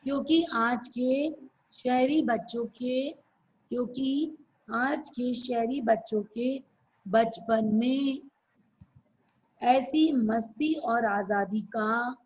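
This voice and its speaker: Woman teacher on a video call, high pitch, slow dictation with repeated phrases. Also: rough recording. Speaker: school teacher. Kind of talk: dictating answers in an online class.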